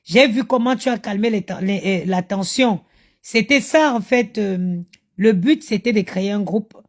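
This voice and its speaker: A woman's voice: mid-range voice, moderate pace. A tired woman chatting to her viewers on a phone live stream, talking about motherhood and her online group. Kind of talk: casual live-stream chat.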